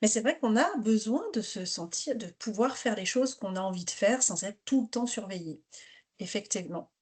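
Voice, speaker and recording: A woman's voice: mid-range voice, animated, moderate pace, husky. Woman leading an online teacher workshop. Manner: encouraging, invites participants to share. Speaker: teacher trainer leading a webinar. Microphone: video call.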